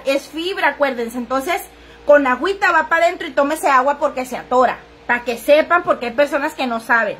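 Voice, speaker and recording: A woman's voice: sits high, a bit bright, slight background noise. A middle-aged woman, chatting crudely and casually while selling on a livestream and answering viewers' comments. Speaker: livestream seller.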